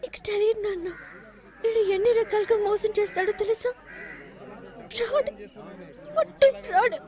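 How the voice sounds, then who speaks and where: A feisty young student in a dubbed film. Her voice is very high and sharp. She is defiant and insistent with every line. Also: normal speed, crowd noise, noisy background. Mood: accusing. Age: young adult.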